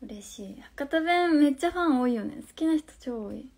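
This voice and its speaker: Her slightly high voice carries a Fukuoka Hakata accent as this young woman in her twenties talks casually on a phone live stream, answering the viewer comments she reads aloud. Every so often she softens into hushed, almost whispered asides, all with lively intonation at a moderate pace.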